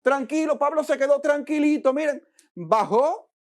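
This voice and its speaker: A man preaching a sermon, repeating phrases with emphasis and dropping to a soft hush to calm his listeners. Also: normal speed. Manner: acts out worried people's complaints, then soothes in a low hush.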